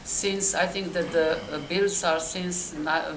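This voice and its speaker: Low-voiced woman answering questions in a hall. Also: steady tone. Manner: halting, searching for words. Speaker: presenting city official. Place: conference hall. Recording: roomy hall with clear noise.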